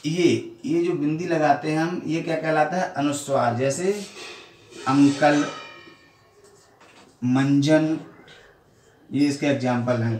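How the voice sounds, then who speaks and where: Echoey Hindi schoolteacher asking questions. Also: male voice, a little high, far from the mic, a little hiss or hum. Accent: Badaun Hindi. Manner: asks questions and answers them himself. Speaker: Hindi teacher. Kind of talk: classroom lesson. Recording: echoey room, voice off-mic.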